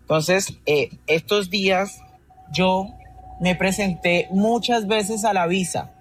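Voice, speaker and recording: A man's voice: high-pitched, steady tone, slow pace, faint music behind. A man, calling a radio show on speakerphone and rambling earnestly about his devotion. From Antioquia, Colombia. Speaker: radio caller. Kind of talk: call-in storytelling. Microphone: phone on speaker.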